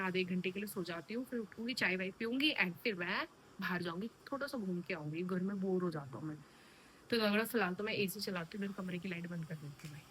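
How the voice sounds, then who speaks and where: A woman's voice: on the low side, fairly bright tone, slight background noise. Tired, chatty young woman vlogger. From Uttarakhand hills. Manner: chatty, addresses viewers as friends. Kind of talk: casual vlog chat. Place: home, then outdoors in Delhi traffic.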